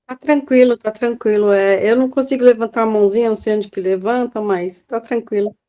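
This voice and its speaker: A woman with a slightly high voice gives relaxed, brief replies. She is a member of a book club. The talk is a casual chat over a video call. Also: fairly quick, dull audio.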